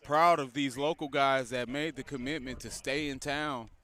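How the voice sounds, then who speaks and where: A man's voice: mid-range voice, fairly even intonation, normal speed, a bit bright. A man giving casual, laid-back color commentary on a football game, breaking down plays and laughing often. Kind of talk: casual sports analysis.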